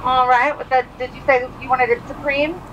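A woman's voice: high-pitched, fairly even intonation, moderate pace, fairly bright tone, lo-fi sound. A woman taking orders through a drive-thru speaker, politely repeating back and confirming each item. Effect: heard through a drive-thru speaker. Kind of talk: taking a fast food order. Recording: distant speaker voice with car noise outside.

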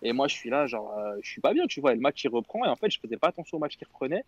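A man's voice: medium pitch, big pitch swings, racing, lo-fi sound. A young man telling a long story in casual slangy chat on a radio show, quoting others as he goes. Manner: rambling, slangy, quotes others.

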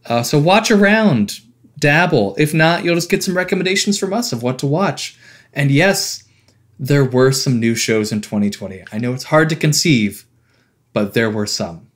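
A man's voice: fairly high pitch, animated, normal speed. A man co-hosting a podcast, chatting casually in a wry, opinionated way with laughing asides. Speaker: podcast co-host. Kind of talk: casual chat.

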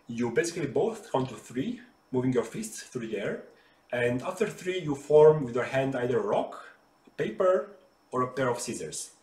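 In a friendly explainer for kids, an RPA developer uses hand gestures to give simple, patient explanations in a bright living room with a sofa. His mid-range voice is a little mellow. The recording is distant and off-mic, with a roomy echo.

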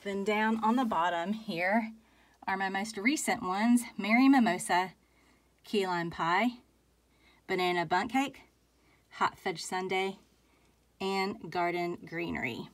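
A chatty woman runs through a long list, one item after another, with plenty of fillers. Her voice sits at an ordinary middle pitch, and she sounds a little out of breath. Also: takes it slowly, pauses often. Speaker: candle collection vlogger. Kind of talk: casual chat, listing items.

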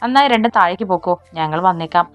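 A woman's voice: lowish voice, lively intonation, quick pace, no room sound, faint music behind, lightly acted. A woman voicing a protective older brother who jokes with his sisters. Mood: playful. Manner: caring, playful.

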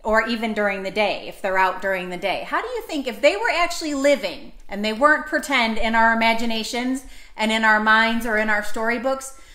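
Woman, children's storytime host, animated and coaxing, echoey room. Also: on the high side, fairly quick. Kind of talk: reading picture books aloud to children. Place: indoors, seated with books on her lap. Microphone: camera in front of her.

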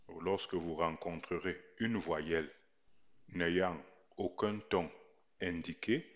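A man teaching a writing lesson in a slow voice-over, repeating each point deliberately. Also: low voice, muffled recording. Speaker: language teacher.

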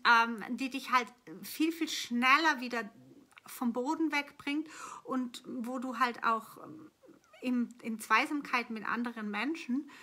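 Woman coaching, bright kinda high voice, earnest, flows on and repeats herself. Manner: earnest, flowing, repeats phrases for emphasis. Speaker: manifestation coach. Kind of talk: spiritual coaching talk answering viewer questions.

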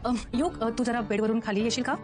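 An actress playing a scheming young woman in a TV serial, coaxing and falsely sweet, heard in a clip with loud background music. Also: on the high side, fairly even intonation, fast talker, lightly acted. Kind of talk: TV serial acting.

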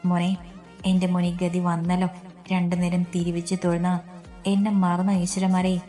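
A grieving mother laments and pleads in a low, dark voice, read by a woman narrator. Her storybook lament sits over faint music. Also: completely flat delivery, moderate pace, close to an everyday voice.

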